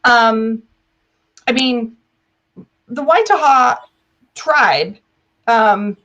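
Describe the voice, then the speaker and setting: A woman's voice: on the high side, very slow, sharp tone, lo-fi sound. An American woman telling personal stories as an interview guest, in an emphatic, irreverent way, often acting out dialogue. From United States. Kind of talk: animated personal storytelling in a live interview.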